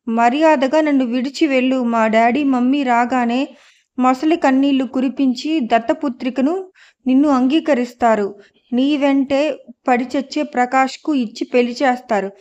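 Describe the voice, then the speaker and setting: A woman reading a story, voicing a distraught young woman who lashes out with bitter accusations. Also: high voice. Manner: shouting, accusing. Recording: dull lo-fi audio.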